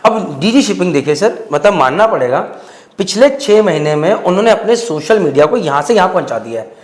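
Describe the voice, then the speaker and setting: A male podcast host with a high, sing-song voice speaks fairly quickly during a conversational interview, persistently pressing his guest with follow-up questions and mixing English words into his speech. The recording has a roomy studio echo.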